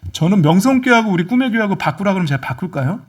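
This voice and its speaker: A male pastor delivers a sermon in a husky, rather high voice that climbs and drops across a wide range. He swings between loud exhortation and soft, hushed asides. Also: animated, racing.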